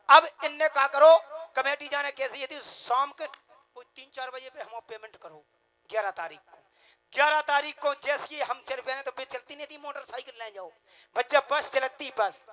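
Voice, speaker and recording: Male comic storyteller, high-pitched and animated, rustic delivery. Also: normal speed. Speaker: comedian.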